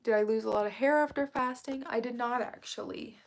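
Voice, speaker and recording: A woman with heavy vocal fry keeps her voice down as she chats casually on a livestream, reading aloud and answering viewers. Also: on the high side, a little fast. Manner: keeping her voice kept down and quiet. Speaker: live stream host.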